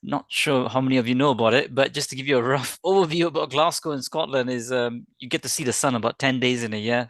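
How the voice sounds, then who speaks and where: A man's voice: medium pitch, a bit bright, no echo. A man in his forties from Singapore, a company founder, chatting as a webinar guest and laughing through his stories. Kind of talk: casual interview chat.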